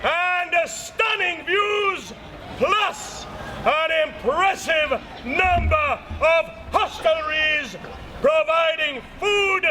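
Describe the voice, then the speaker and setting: A man shouting a town crier's proclamation, declaiming loudly in short, separated phrases. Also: very high-pitched. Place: outdoors in a town. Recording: noisy outdoor recording, street and vehicle noise.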